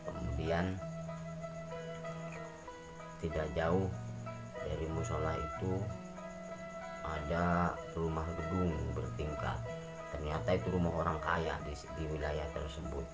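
A man's voice: extremely low pitch, flat delivery, takes it slowly, long pauses, over loud music. A man telling a comic folk tale in a playful, colloquial way. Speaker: storyteller.

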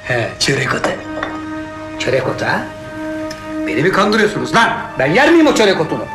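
An actor playing a frantic young man who shouts and curses, certain he is under a spell. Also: on the high side, wildly swooping pitch, a little fast. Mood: suspicious. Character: furious young man sure he is bewitched. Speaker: film character. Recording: echoey room with loud music.

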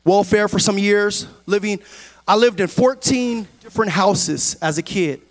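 A middle-aged man preaching a sermon in a large church, on a handheld mic, dropping low and quiet and then rising to shouted preaching. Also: measured pace. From California. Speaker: pastor.

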